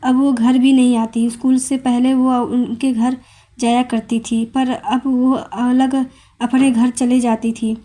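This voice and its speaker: A woman reading a Hindi romance novel aloud as a storyteller, with plain, steady narration and small stumbles. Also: fairly high pitch, slow.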